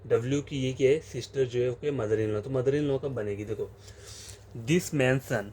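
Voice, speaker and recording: Mellow-voiced male tutor. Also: medium pitch, a little hiss or hum. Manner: explanatory, repeats phrases and fillers, slow reading of question text. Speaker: reasoning teacher. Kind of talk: exam-prep lesson, solving questions on a board.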